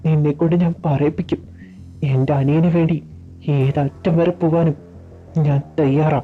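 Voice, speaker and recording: A woman's voice: low-pitched, fairly even intonation, moderate pace, close to an everyday voice. A woman voicing a protective adult man who angrily confronts the man who hurt his younger brother, for an amateur fan audio drama. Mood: determined. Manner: angry and confrontational. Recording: dull lo-fi audio with faint music.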